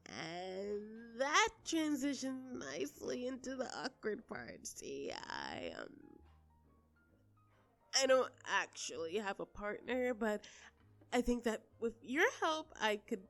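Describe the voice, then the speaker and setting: Using an exaggerated, fairly high voice, a woman acts as a polite pop star who is flustered and wants some privacy. Her delivery in this intimate audio roleplay is halting and conversational.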